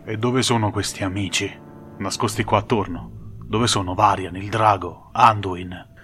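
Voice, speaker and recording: A man's voice: on the low side, fairly even intonation, unhurried, fairly bright tone, slight background noise. A man playing a fierce, grieving paladin. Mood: wary. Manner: anguished, threatening, wary. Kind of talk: audiobook character reading.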